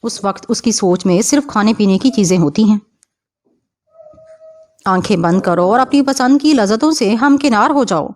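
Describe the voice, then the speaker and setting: A woman narrating a novel as an audiobook, with a steady storytelling delivery. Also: medium pitch.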